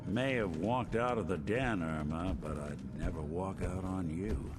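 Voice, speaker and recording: Video game robot detective,, deep, dry, loyal noir type over noisy ambience. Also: male voice, unhurried. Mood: wry, familiar. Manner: noir slang, dry and familiar. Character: world-weary, loyal, soft-hearted robot detective man. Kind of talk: video game character acting. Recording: clear background noise, game ambience.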